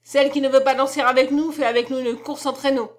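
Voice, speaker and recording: A woman reading the lines of a smug baron who speaks with smooth scorn and mocks his rival. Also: high-pitched, fairly even intonation, fast, pitched above the performer's own voice, natural voice. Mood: scornful. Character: smug, mocking older nobleman, the baron.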